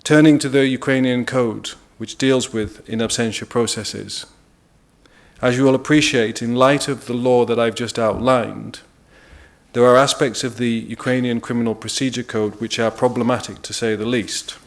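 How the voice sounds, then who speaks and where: A British man speaks at a press briefing, laying out a legal argument in a formal, measured way. His pitch sits in a middle range, and he leans on key words for emphasis. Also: steady tone.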